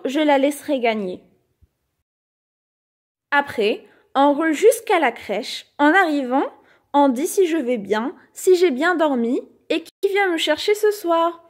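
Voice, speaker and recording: Slow, high-voiced woman reading a storybook. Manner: expressive, animated bedtime-story reading. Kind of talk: reading a children's picture book aloud.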